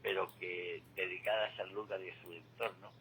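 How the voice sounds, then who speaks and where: Poor audio with slight background noise captures a man's low, steady, sharp-toned voice moving a little fast. As a radio commentator on current affairs, he lectures in an opinionated, conversational way, repeating himself and posing rhetorical questions.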